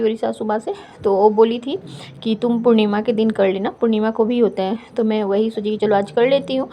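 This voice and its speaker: A woman vlogger narrating her video in a fast, chatty voice-over, with frequent fillers. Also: a little high, dark tone, slight background noise. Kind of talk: casual vlog voice-over.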